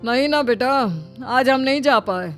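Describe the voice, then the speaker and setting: A woman voicing a kind, worried older mother-in-law with a gentle, coaxing way of talking, in a family drama story. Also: high voice, normal speed, soft background music, natural voice.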